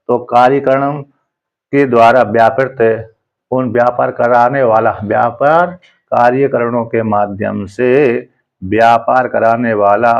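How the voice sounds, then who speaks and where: A man teaching a Sanskrit scripture commentary, reading each phrase slowly and then explaining it in plain conversational speech. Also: mid-range voice, gravelly, lo-fi sound.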